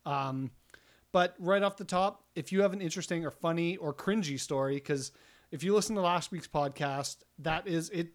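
A man's voice: on the high side, normal speed. Rambling middle-aged man podcast co-host. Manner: rambling, self-deprecating, many restarts and ums. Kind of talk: casual podcast chat.

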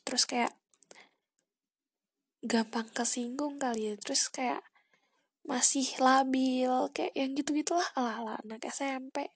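A seventeen-year-old girl talks on her own podcast, dropping often into a soft half-whisper and trailing off with fillers. Her voice sits a little high, husky and breathy, with a gravelly fry at the ends of phrases. It sounds like a casual chat recorded at home. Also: no room sound. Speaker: podcast host.

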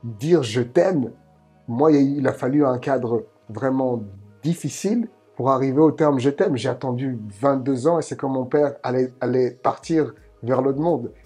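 A man's voice: mid-range voice, unhurried, warm tone, slightly rough, soft background music. A man sharing his thoughts in a podcast talk, earnest and reflective, often restarting and repeating words. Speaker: podcast co-host.

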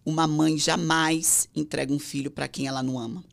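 A woman's voice: low-pitched, fairly even intonation, brisk, creaky. A Brazilian woman guest on an interview podcast, telling personal stories with emotion and acting out other people's voices. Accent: Brazilian Portuguese. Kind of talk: personal storytelling.

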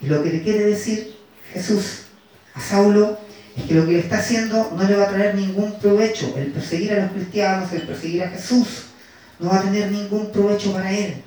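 A man preaching a sermon, repeating and dwelling on scripture lines and slowing down to stress them. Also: sits high, fairly even intonation, warm tone. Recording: echoey room, voice from far off.

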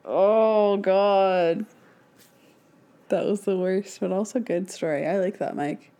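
A woman with a mellow, warm voice at a middle pitch, co-hosting a casual podcast chat. She breaks in with short reactions and quick questions while her partner tells a story. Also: clear, resonant tone. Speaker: podcast co-host.

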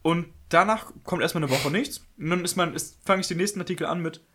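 Young male co-host, fairly high voice, relaxed storyteller. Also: quick pace. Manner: easygoing, self-mocking storyteller. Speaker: podcast co-host. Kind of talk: casual chat.

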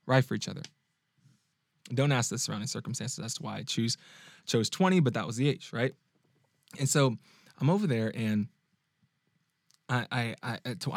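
Lively man telling a personal story. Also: mid-range voice, no echo, studio quality. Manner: animated, laughs often, frequent restarts and check-ins with the listener. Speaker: podcast host and dating coach.

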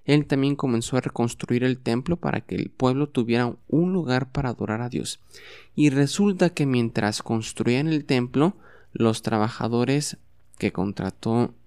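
A man hosts a bilingual podcast lesson at an unhurried pace, his voice dark and mellow. He patiently repeats each word for the listener to echo. The sound is dry and close. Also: mid-range voice. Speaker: English teacher and podcast host.

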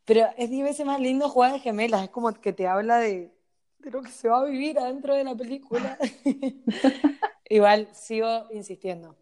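A woman's voice: fairly high pitch, moderate pace, warm tone. A woman from Argentina with an Argentine accent, co-hosting a casual podcast and talking playfully with frequent laughs. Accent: Argentine Spanish. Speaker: podcast co-host. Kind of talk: casual chat.

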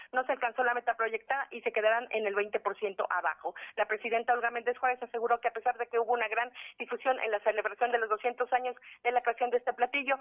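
Fast-reading reporter on a phone line. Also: female voice, fairly high pitch. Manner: brisk reading of a prepared report.

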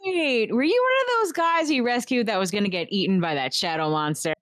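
Lively woman player. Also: on the high side, a little fast, no room sound, studio quality. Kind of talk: tabletop role-play chat.

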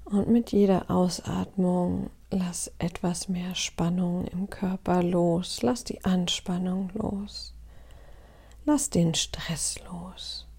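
Leading a guided meditation, this woman speaks in a lowish, husky, breathy voice that often drops close to a whisper. Her manner is calm and soothing, with intentional pauses.

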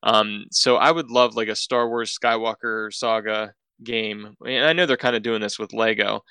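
A man's voice: fairly low pitch, steady tone, normal speed, bright, forceful tone, clean tone, dry recording. A man co-hosting a podcast, chatting in an easygoing way with stammering restarts. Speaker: podcast co-host. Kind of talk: casual chat.

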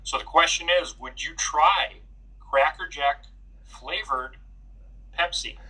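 A man's voice: on the high side, slow pace, sharp tone, husky, distant mic, poor audio. A man hosting a casual baseball podcast, chatty and loose, with many filler words. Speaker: podcast host. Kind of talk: casual sports podcast chat.

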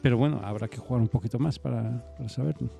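A man's voice: mid-range voice, fast talker, vocal fry, dark tone, faint music behind. A man chatting on a podcast in a hesitant, laid-back manner. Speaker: podcast co-host. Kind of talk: casual chat.

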